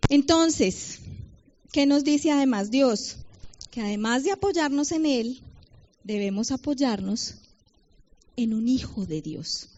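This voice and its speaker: A middle-aged Colombian woman giving a personal testimony sermon to a women's gathering, with humor between slow readings of scripture. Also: sits high, expressive, warm tone. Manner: personal testimony with humor, reads Bible verses slowly. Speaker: women's ministry speaker. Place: conference hall. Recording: dull lo-fi event recording.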